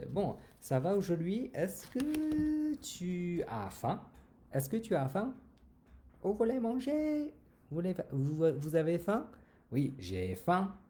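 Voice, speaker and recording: A man teaching a children's French lesson, slowly repeating words and singing greetings. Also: medium pitch, mellow. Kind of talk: slow, sung and drilled language lesson.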